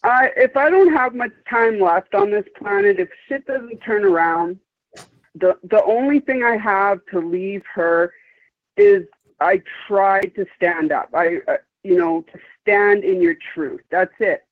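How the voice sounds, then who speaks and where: A woman's voice: mid-range voice, very animated, unhurried, dry recording. A woman around fifty, calling in and talking in an emphatic, rambling, outspoken way with some swearing. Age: 50s. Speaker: caller. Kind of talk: casual chat. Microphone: phone. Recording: dry tinny phone line.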